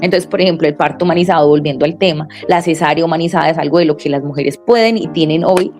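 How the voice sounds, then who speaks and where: A woman's voice: low-pitched, quick pace, soft background music. A woman, an interview guest who is a mother, telling a personal story in conversation and acting out the voices of people she quotes. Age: adult mother. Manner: lively, acts out quoted dialogue.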